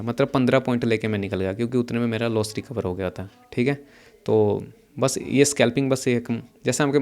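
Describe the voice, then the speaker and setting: Young male trader, casual screen-share walkthrough, quick and chatty, repeats himself, middle pitch. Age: young adult. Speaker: options trader explaining his trades. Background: some background noise.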